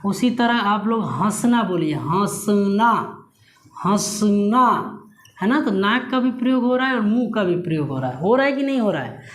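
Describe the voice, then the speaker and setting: A male Hindi grammar teacher explaining a lesson to students. He asks questions, answers them himself, and repeats key words slowly. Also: sits high, animated. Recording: echoey room with faint noise.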